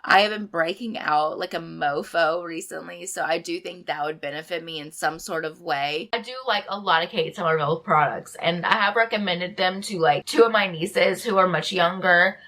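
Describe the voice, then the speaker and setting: A young woman reviewing a beauty box in a chatty, emphatic way, hoarse and sick with a sore throat. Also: on the low side, moderate pace, few pauses, sharp tone. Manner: chatty, emphatic, rambling asides. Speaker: beauty vlogger. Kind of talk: casual unboxing review.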